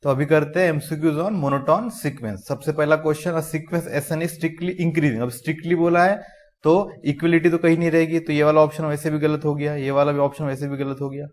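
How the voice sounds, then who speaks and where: A man teaching a university maths lesson in Hindi mixed with English, often asking the class rhetorical questions and reading English definitions out slowly. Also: a little high, flat delivery, darkish tone. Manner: asks the class rhetorical questions, says "theek hai" often. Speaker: math lecturer.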